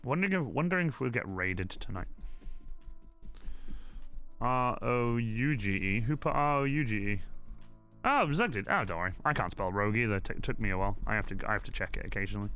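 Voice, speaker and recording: A Welsh cosplay streamer whose first language is Welsh chats casually on a live stream while crafting, swearing cheerfully and reading the chat aloud. His voice is bright yet on the low side, expressive and brisk. Faint music plays in the background.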